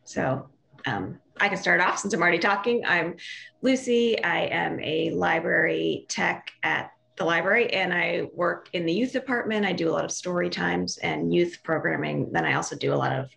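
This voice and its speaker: A woman's voice: lowish voice, moderate pace, creaky, a bit bright. A woman hosting a library book discussion over a video call, chatting casually with hesitant fillers. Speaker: library tech, discussion host. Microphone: webcam on video call.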